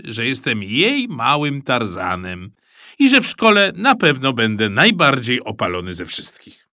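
A man reading a children's story with bright, clear energy and a voice that leaps up and down through its range. The studio recording is close and completely dry. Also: medium pitch, dry recording. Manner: lively, expressive storytelling. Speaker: audiobook narrator.

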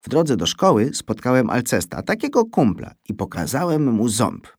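Expressive man reading a children's story. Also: medium pitch, normal speed, no echo, studio quality. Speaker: reader.

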